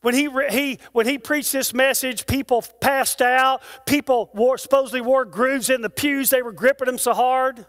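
High-voiced male preacher. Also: steady tone, normal speed, few pauses, a bit bright. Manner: rhythmic declamatory preaching with long lists; conversational asides to the congregation. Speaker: pastor. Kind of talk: sermon. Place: church sanctuary.

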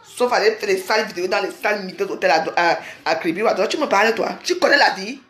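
A woman from Cameroon rants angrily on a live stream from home, scolding and repeating herself. Her medium-pitched voice is fast and a bit bright, and the room has a noticeable echo.

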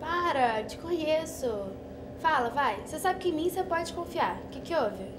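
A woman's voice: sits high, expressive, normal speed. An actress playing a teen girl coaxing her friend to open up, in casual slang. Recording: echoey room with clear noise.

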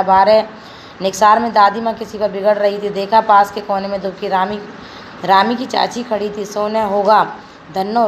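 A woman teacher reads a textbook story aloud to her class. Her voice is flat and level, with little rise and fall. She keeps a steady pace but often stumbles and corrects herself, and faint noise sits behind her. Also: medium pitch, rough recording. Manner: steady reading with frequent slips and self-corrections.

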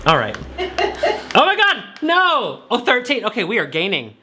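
A man in his thirties, a sassy, campy drag queen host, chats comically and casually while playing a game, a little tipsy from drinking. His high voice swings wildly in pitch at a moderate pace, with music behind him on a small indoor set with a foil backdrop.

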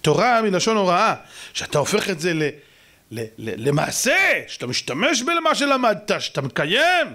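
A male rabbi delivers a sermon with real fervour, firing off rhetorical questions to his listeners. His voice sits a little high for a man and swings widely in pitch, rising and falling with every point he drives home. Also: sing-song, bright, forceful tone. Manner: emphatic, preaching with rhetorical questions. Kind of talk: sermon to a congregation.

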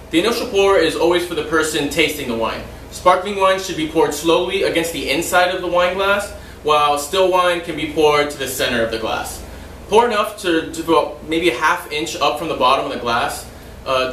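A young man explains and demonstrates wine service in a steady teaching manner, with a voice a bit higher than most men's. He is recorded from across a home dining room, so his voice sounds distant. The room adds a noticeable echo and a faint hum of ambience. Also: a little fast. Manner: steady explanatory delivery, some loose asides. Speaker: restaurant server trainer. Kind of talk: instructional demonstration. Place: dining room in a house, indoors. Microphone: far camera, no visible mic. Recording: roomy echo, mic far off.

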